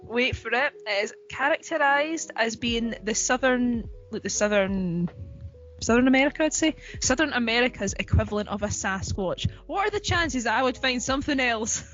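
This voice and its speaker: A woman's voice: fairly high pitch, animated, moderate pace, fairly bright tone, muffled recording, faint music behind. A woman co-hosting a podcast in casual chat, talking in a chatty, giggly way with lots of fillers. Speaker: podcast co-host.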